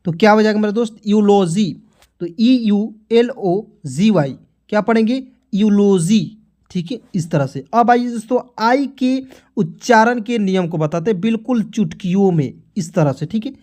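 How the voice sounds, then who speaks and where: A man's voice: sits high, unhurried, dark tone. A man teaching English pronunciation rules in an online lesson, talking to viewers as friends and repeating himself often, sometimes breaking into motivational exhortation. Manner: repetitive, keeps addressing viewers as friends.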